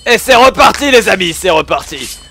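A man giving excitable gameplay commentary, swearing and shouting at the game as he plays. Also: high-pitched, moderate pace, husky. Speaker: gaming video host.

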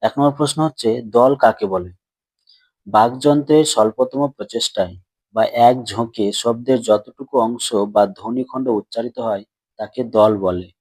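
A man teaching grammar to schoolchildren, patiently asking questions and answering them himself, and slowly stretching words out as he splits syllables. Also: mid-range voice, darkish tone, no room sound. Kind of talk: classroom lesson explanation.

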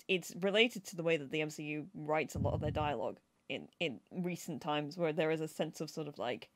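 A woman co-hosting a film podcast, talking in long, rambling digressions that keep interrupting themselves. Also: on the low side. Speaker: podcast co-host. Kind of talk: casual film chat.

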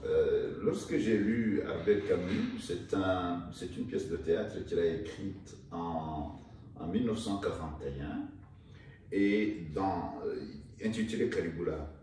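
Slow, deep-voiced older man author. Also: mellow. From Rwanda. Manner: slow, hesitant, repeats words while searching. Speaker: author and guest. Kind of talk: conversational interview. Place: indoor room, seated in armchair. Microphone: far camera. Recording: echoey room, mic at a distance, faint noise.

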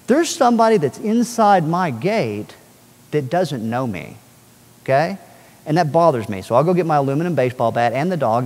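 A middle-aged man giving an energetic talk to an audience and often checking that they follow him. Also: a little high. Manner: animated, asks the audience questions often. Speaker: speaker on child safety. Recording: long hall reverb.

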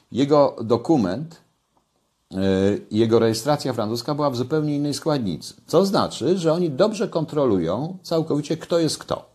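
An older man with a mid-range, slightly mellow, breathy voice gives casual commentary to camera from his home kitchen. He talks conversationally and raises his voice on key points, recorded through a desk webcam.

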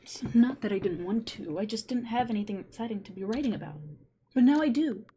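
A woman voicing a shy, cheerful little scarecrow boy, eager and quick-spoken. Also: a little high, warm tone, a little hiss or hum, close to an everyday voice. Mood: happy.

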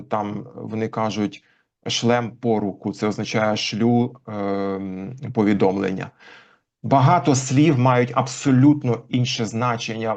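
A man as an interview guest, explaining language history thoughtfully with frequent pauses. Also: fairly low pitch, a little mellow. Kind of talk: conversational interview. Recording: dull lo-fi recording.

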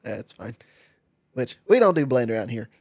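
A man's voice: medium pitch, very animated, normal speed, darkish tone, breathy edge, no echo, studio quality. A young man chatting casually with his wife, joking and poking fun at himself. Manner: playful, self-deprecating. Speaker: host, husband. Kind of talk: casual couple chat.

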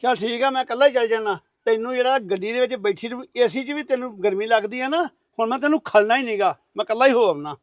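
Hot-tempered middle-aged husband played by a man, high, rapid, scolding. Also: no room sound. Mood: angry. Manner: bossy, scolding. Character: stubborn short-tempered older husband.

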